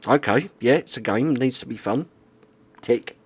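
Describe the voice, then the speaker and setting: A man's voice: mid-range voice, moderate pace, breathy edge. A man explaining things in a casual, plainspoken monologue, often checking in with "okay?" and "right". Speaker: YouTuber.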